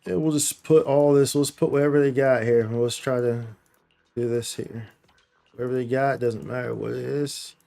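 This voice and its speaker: With game music running underneath, this livestreamer talks through his play in loose slang, tossing "dude" and "boy" at the game and the audience alike. He has a mid-range, creaky, dark-toned voice, speaking at normal speed with fairly even intonation.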